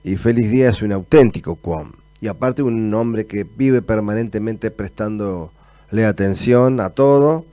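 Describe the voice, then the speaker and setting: Low-voiced man hosting live radio. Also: darkish tone, dry recording. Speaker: radio host.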